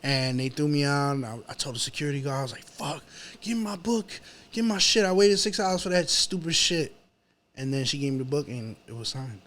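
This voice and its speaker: A fairly quick, a-little-high voice with lively intonation and a bit of brightness belongs to a New York City rapper. He's an interview guest in an apartment, chatting casually in a New York accent and telling stories in slangy, repetitive phrasing.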